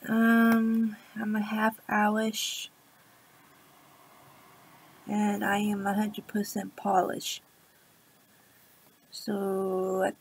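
A woman chatting casually to her viewers, giggling often and drifting into soft whispers. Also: medium pitch, creaky, breathy edge, rough recording. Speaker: vlogger. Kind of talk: casual rambling chat to camera.

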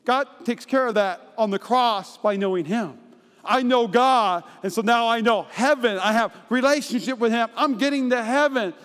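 A man's voice: extremely high pitch, moderate pace, clear, resonant tone. A man in his thirties preaching a sermon as a pastor, telling a story with jokes and asides to the congregation in a church auditorium. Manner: energetic, jokey, rhetorical asides. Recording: long church-hall reverb.

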